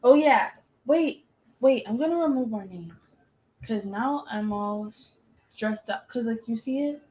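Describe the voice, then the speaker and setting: A young woman hosting a casual coding session, chatty and quick to check her understanding with questions. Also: on the high side, a little mellow, slightly rough. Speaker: host coding with her husband. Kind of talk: casual live-stream chat.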